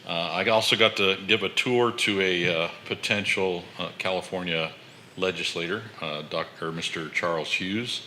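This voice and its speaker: A man giving his trustee report at a college board meeting, with many pauses and fillers. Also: low voice, fairly even intonation, bright, forceful tone, a little hiss or hum. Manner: loose, filler-heavy report.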